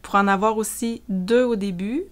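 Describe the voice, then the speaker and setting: A woman's voice: mid-range voice, normal speed. Chatty woman with a Quebec accent. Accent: Quebec French. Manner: relaxed, chatty, with frequent "euh" and "là" fillers. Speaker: knitting vlogger. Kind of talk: casual show-and-tell chat.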